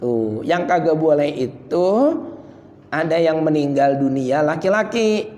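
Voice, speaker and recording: A male preacher giving a lively, joking sermon at an evening study in a prayer room, often mimicking other voices and swinging between loud and soft. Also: a little high, unhurried. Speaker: Islamic preacher. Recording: reverberant room with faint background noise.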